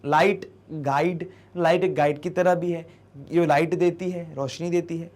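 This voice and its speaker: A man's voice: on the high side, fairly even intonation, a little mellow. Indian man teaching English in Hindi. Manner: mixes Hindi explanation with slow read-out English; asks and answers his own questions. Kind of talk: classroom lesson explaining an exercise.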